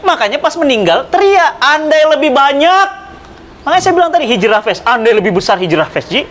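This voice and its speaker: A middle-aged man preaching in conversation, telling religious stories with dramatic swings in pitch and loudness and speaking straight to his listener. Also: expressive, fast, slight background noise. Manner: addresses listener directly, persuasive. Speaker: Islamic preacher. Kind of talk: animated religious storytelling in conversation.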